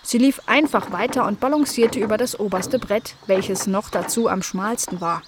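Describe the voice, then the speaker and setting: A woman narrating a children's story in a gentle, even storytelling manner. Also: medium pitch, moderate pace, noisy background.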